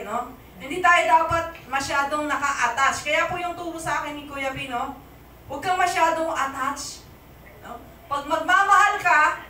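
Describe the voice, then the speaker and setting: A woman's voice: high-pitched, bright, forceful tone, slight background noise. A Filipino woman pastor giving a conversational sermon, often asking the congregation "amen?", recorded in an echoey church hall from a distance.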